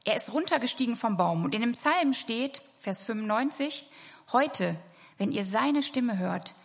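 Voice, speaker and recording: A woman's voice: fairly high pitch, expressive, a little slow, creaky. A woman preaching a sermon to her congregation, earnest and speaking to them directly. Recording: hall reverb.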